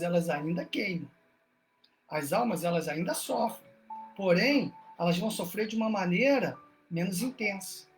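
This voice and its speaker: Brazilian woman lecturing online, pitch rising and falling a lot, slightly high voice, faint music underneath. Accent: Brazilian Portuguese. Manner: asks rhetorical questions, frequent "né?". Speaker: speaker at a spiritist study group. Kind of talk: explanatory talk on a religious text. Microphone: online livestream.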